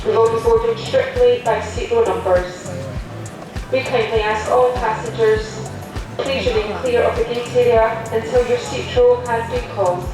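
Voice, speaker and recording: Echoey gate announcer in an airport terminal. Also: female voice, on the high side, fairly even intonation, normal speed, distant mic, music in the background. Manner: polite formal announcing. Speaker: gate agent.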